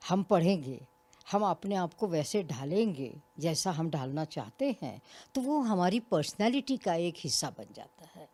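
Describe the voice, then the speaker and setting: An older woman, a retired college principal, speaks reflectively as an interview guest and explains her points with small examples. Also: lowish voice. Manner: reflective, explains with examples, occasional soft laughs. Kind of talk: interview conversation.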